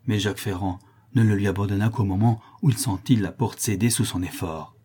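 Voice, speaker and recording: A man's voice: on the low side, fairly quick, warm tone, husky. A man narrating a classic novel as an audiobook in a dramatic storytelling manner.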